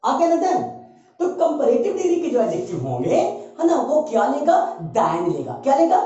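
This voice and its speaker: A man's voice: extremely high pitch, wildly swooping pitch, normal speed, warm tone. A male teacher giving a grammar lesson, explaining emphatically and repeating key points with tag questions. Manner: repetitive, emphatic explaining with frequent "है ना" tags. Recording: echoey room, distant dull mic.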